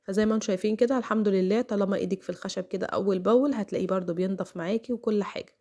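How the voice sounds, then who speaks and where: A woman's voice: mid-range voice, steady tone, racing, mellow. A middle-aged woman with an Egyptian accent narrating a home routine vlog, chatty and full of fillers, talking straight to her viewers. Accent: Egyptian Arabic. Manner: chatty, many fillers, talks to viewers directly. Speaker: home vlogger. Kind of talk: casual voice-over vlog narration.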